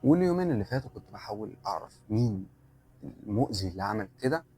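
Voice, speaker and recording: A calm, grave old sheikh with an Egyptian accent, as the storyteller puts him on, talking softly and steadily in a lowish voice. Faint music plays under him. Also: male voice, rapid-fire. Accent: Egyptian Arabic.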